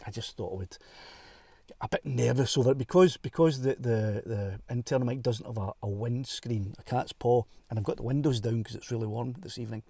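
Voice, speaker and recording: A man's voice: mid-range voice, brisk, dark tone, breathy edge, no room sound. A Scottish man hosting a casual live stream from a car, chatty and self-deprecating, laughing often, on a clip-on mic. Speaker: livestream host. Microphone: clip-on wireless mic.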